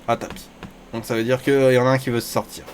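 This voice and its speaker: A man giving live commentary on his own online poker game, talking to himself and the other players in crude casual slang and often breaking into high-pitched squeals. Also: flat delivery, quick pace, a little hiss or hum.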